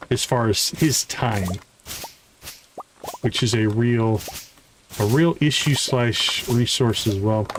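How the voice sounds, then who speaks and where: Captured in a low-quality recording with some background noise, a game streamer with a mid-range voice casually commentates his live gameplay. He talks to himself in short remarks and repeats words as he thinks, while music plays behind him.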